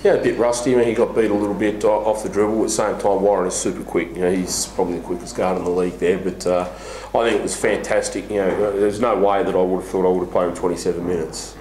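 A man's voice: sits low, fairly even intonation, fast talker, hardly any pauses, darkish tone. A middle-aged man, a basketball coach speaking frankly at a post-match press conference, with many fillers and restarts. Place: small press room before a sponsor backdrop. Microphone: table mic on a stand. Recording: echoey room with faint hiss.

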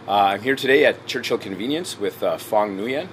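Man, Canadian accent, low register, informal interviewer, faint background noise, indoor camera recording. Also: normal speed. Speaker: municipal election candidate, interviewer. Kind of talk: casual interview. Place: small convenience store, indoors.

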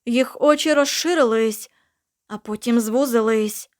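Smooth-voiced woman narrating an audiobook. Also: a little high, darkish tone. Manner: measured, dramatic storytelling.

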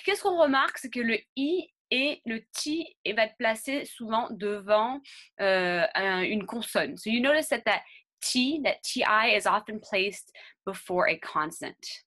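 A woman with a fairly high voice teaches a pronunciation lesson at an unhurried pace. She says each model word carefully and then explains it in both French and English. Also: fairly bright tone. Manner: slow, carefully articulated model words.

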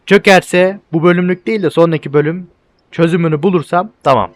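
A young man casually commentating a video game, excitable and bantering, often shouting at what happens on screen. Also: fairly high pitch, a little fast. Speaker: gameplay video host.

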